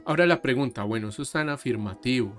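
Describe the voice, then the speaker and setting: A man teaching an online English class, explaining slowly and mixing Spanish with English. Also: mid-range voice. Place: online class over a video call. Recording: faint background music. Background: soft background music.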